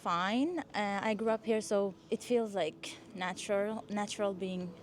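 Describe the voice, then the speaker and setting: A woman from Syria answering a street interview in a relaxed, frank way, often saying "like" and "actually". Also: medium pitch, measured pace, slight background noise.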